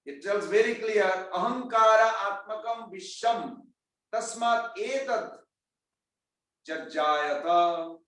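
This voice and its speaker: A man's voice: sits high, slow, a bit bright. A man giving a scripture class, talking casually, quizzing his listeners and chanting verses. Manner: conversational, quizzes the audience. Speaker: spiritual class speaker. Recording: echoey room, mic far off.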